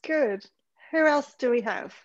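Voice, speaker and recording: A woman's voice: sits high, expressive, measured pace. A woman who is a visiting English teacher, greeting students in a friendly online class over a video call. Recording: dull lo-fi video call audio.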